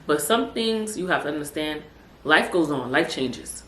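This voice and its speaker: A chatty podcast host with a low voice, this woman from Brooklyn, New York City, keeps a moderate pace in casual conversation and throws in lively asides like "child" and "honey." An echoey room and faint noise color the recording.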